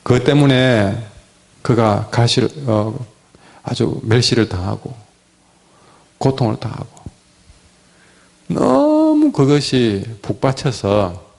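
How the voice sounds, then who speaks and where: A man preaching a sermon as a pastor, with a sore throat, swinging between loud cries and hushed words. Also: mid-range voice, gravelly.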